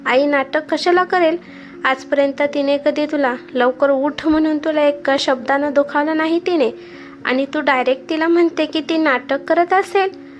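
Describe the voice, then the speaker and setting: A woman's voice: high voice, normal speed, highs cut off, faint music behind, lightly acted. A woman voicing a young farmer husband in a spoken storybook, patient but stern and reproachful.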